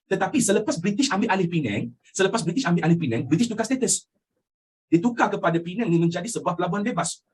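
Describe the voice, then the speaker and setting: Young Malaysian male teacher, husky, quick delivery, quizzes the class often. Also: high voice. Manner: animated, asks students questions constantly, mixes in English phrases. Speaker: history teacher. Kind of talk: lively classroom lecture.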